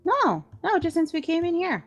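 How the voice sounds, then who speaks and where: A woman's voice: extremely high pitch, sing-song, moderate pace, faint music behind, pitched above the performer's own voice. Tiny folksy pixie-like creature played by a woman, raised little voice, plucky and blunt, for a fantasy game. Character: tiny chirpy talking creature perched on a doorsill.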